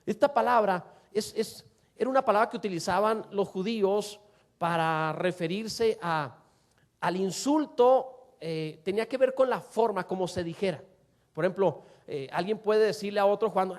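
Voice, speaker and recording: A man preaching a sermon to a congregation, asking them rhetorical questions and swinging between loud and soft. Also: high voice. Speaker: pastor.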